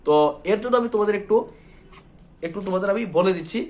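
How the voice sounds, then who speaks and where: A man's voice: high-pitched, fast talker. A man teaching an exam-prep lesson, repeating points and often checking in with his students. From Tripura, India. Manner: repetitive, reassuring, checks in often with "thik ache".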